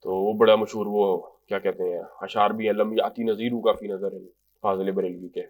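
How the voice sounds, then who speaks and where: A man's voice: lowish voice, level tone, darkish tone. A man giving an Arabic grammar lecture in Urdu, reading out example phrases and translating them patiently line by line. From Pakistan. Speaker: Arabic language teacher.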